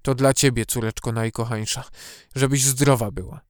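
A man reading a storybook who voices a poor, devout village mother, worried and fretful as she questions herself, in a clear, smooth voice. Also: mid-range voice, fairly even intonation, normal speed, no room sound, clean studio sound, natural voice. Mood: anxious. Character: poor, anxious, devout mother fearing for her sick daughter.

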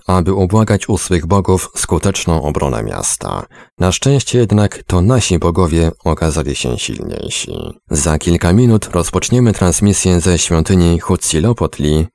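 A man's voice: sits low, mellow, no echo. A man voicing a chirping female TV news anchor reading a bulletin in a storybook reading.

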